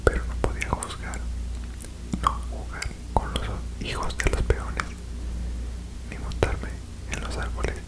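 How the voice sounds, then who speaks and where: Woman whispering a book out loud, asmr style, all breathy no voice, slow n soothing for sleep. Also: low-quality recording. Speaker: ASMR reader. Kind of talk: whispered ASMR reading of a novel in Spanish.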